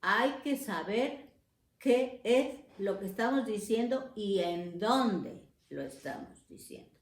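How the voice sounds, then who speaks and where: A woman teaching a language lesson, talking deliberately and pausing often to search for words with fillers. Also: mid-range voice, expressive. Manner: addresses viewers as friends. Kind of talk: unscripted spoken lesson. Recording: roomy echo.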